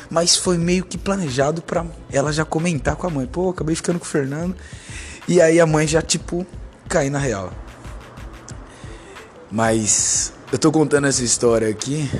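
A man in his thirties with a Brazilian Portuguese accent, telling a bawdy personal anecdote in a joking, casual way. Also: medium pitch. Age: 30s. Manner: bawdy, joking, lively storytelling. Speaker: storyteller.

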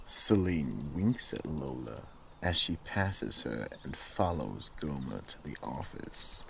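A man playing a psychotic, sinister horror host and storyteller of an audio drama, gravelly and menacing, drawing out his words theatrically. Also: very deep voice, very animated, slight background noise, heavily acted. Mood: grim suspense. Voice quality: gravelly, raspy. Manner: menacing, drawn-out delivery.

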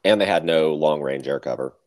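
A man's voice: extremely low pitch, a little fast, darkish tone, dry recording, studio quality. A young man co-hosting a casual podcast, chatting about history and joking with his co-host. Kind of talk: casual chat.

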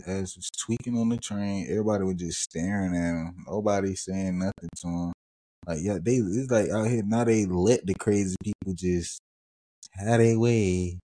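A man's voice: deep voice, mellow. A man, hosting a podcast and telling loose, profane, rambling stories. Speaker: podcast host. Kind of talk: casual storytelling.

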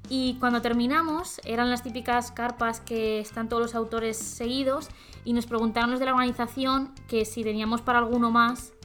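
A woman from Zaragoza tells a story in a chatty, self-mocking way. Her voice is fairly high. Faint music plays in the background. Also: steady tone, a little fast, a bit bright. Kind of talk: casual chat, storytelling.

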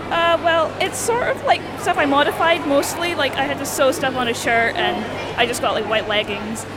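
A woman with a Highland Scottish accent chats casually in a high voice. She is being interviewed as a cosplayer. There is crowd chatter and clear music behind her. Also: normal speed, low-quality recording. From Inverness, Scottish Highlands. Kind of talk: casual chat. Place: busy public convention. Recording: busy convention noise with music.

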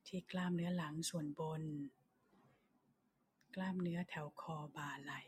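Female meditation guide, low and very breathy, soft near-whisper, soothing, unhurried phrasing for sleep relaxation. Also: steady tone. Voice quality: soft, breathy voice that often slips toward a whisper. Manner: soothing, unhurried, short phrases with long pauses. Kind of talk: slow guided body-scan meditation for sleep.

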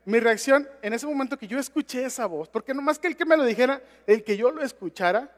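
A male pastor telling a story in a sermon, talking conversationally and addressing listeners directly. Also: very high-pitched. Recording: long reverb of a large hall.

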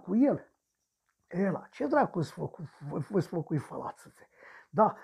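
A man's voice: sits high, gravelly, breathy edge, lo-fi sound, heavily acted. A man acting a coarse, boastful male serial killer in a radio drama monologue, ranting and sneering at the victims who haunt him.

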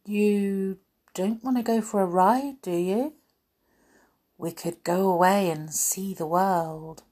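A woman's voice: mid-range voice, steady tone, slow, a little mellow. A woman voicing a charming young man posing as a prince, with an earnest, coaxing manner.

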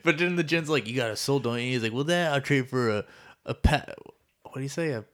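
A man's voice: medium pitch, fairly quick, fairly bright tone. A man co-hosting a casual film chat, enthusiastic and sweary, acting out bits of dialogue as he retells them. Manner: enthusiastic, profane, filler-heavy retelling with quoted dialogue.

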